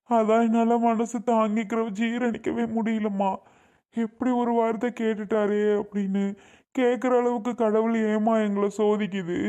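A man's voice: high voice, dark tone. A man playing a grieving young husband and brother, lamenting through sobs. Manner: sobbing, pleading lament. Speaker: actor in a family skit.

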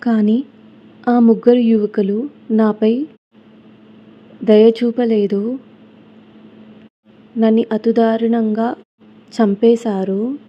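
A woman telling a horror story as scripted narration, in a steady, even storytelling delivery. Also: a little high, slow pace, pauses often. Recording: dull lo-fi recording.

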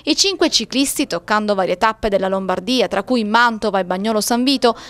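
A woman's voice: medium pitch, brisk, a bit bright, dry recording. A woman narrating a news report in a formal style.

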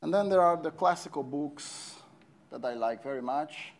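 A man in his thirties from Brazil, lecturing on a lapel mic in a large empty lecture hall, friendly and halting with fillers as he writes on the board. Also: a little high, expressive. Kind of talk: university lecture.

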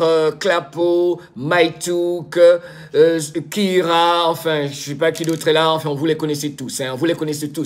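A man hosting a live stream who chats casually with viewers, greets them by name, and teases them with bursts of excitement. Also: a little high. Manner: exuberant, teasing, greets chat by name. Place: home in the United States.

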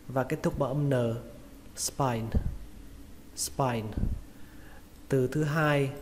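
Male pronunciation teacher, slow and careful, repeats each word; long reverb on the voice. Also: medium pitch. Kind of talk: slow spoken vocabulary lesson. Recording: long reverb with faint noise.

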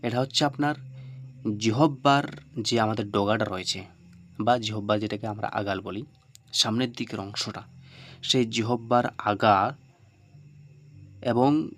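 A man giving an informal spoken lesson on Arabic pronunciation. He asks questions and answers them himself, and slowly repeats each sound for the listener. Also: lowish voice.

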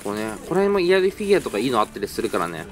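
A man's voice: medium pitch, sing-song, racing, soft background music. A young man narrating a casual vlog while browsing a flea market, chatty and rambling, often correcting himself mid-sentence. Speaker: toy-hunting vlogger. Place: indoor parking garage flea market.

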